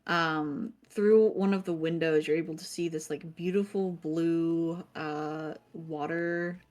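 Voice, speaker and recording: A woman serving as game master, describing scenes in a halting, casual way with many ums and likes. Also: sits low, fairly even intonation, a little mellow. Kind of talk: improvised scene narration.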